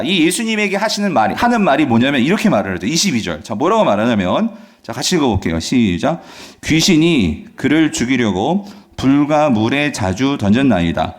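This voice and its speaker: Animated preaching man, wide-swinging pitch. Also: brisk. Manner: asks the congregation questions and answers them; swings between loud emphatic scripture reading and soft asides. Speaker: pastor. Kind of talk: Friday revival-service sermon.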